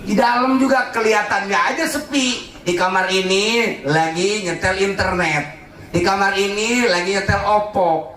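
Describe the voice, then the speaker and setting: A man giving a humorous Islamic sermon as a preacher, swinging between low solemn warnings and high joking asides. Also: measured pace, bright, forceful tone. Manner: jokey, mimics congregation members, swings from low solemn to high laughing. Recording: echoey hall.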